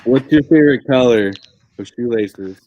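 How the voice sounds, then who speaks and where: A man's voice: medium pitch, normal speed, a little mellow, lo-fi sound, slight background noise. A man chatting playfully on a stream and asking the others silly questions. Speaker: stream participant. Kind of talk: casual chat.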